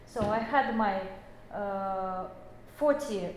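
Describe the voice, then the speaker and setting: A woman's voice: mid-range voice, slow pace, a little hiss or hum. Woman lecturing with phrasing. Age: 40s. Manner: non-native phrasing, many fillers and self-corrections. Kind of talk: explanatory lecture. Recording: echoey room.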